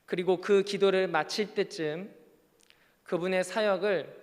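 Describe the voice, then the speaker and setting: Man, pastor, earnest sermon, high voice, long church echo. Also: fairly even intonation, unhurried. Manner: earnest preaching, rising and falling emphasis. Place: church sanctuary.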